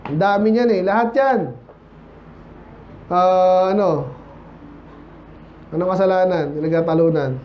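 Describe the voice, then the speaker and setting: A man's voice: high-pitched, a little slow, long pauses, highs cut off, a little hiss or hum. A man preaching a casual, conversational sermon as pastor, often asking the congregation "right?" and "amen?". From Philippines. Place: church.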